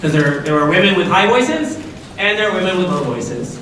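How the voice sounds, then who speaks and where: A woman in her forties with a deep, slightly bright voice gives a lively talk to students as a guest speaker at a school assembly. She's upbeat, chatty and expressive, speaking at a moderate pace and repeatedly asking the students questions. The recording picks her up from far off in a large, echoey school auditorium, with a little hiss or hum.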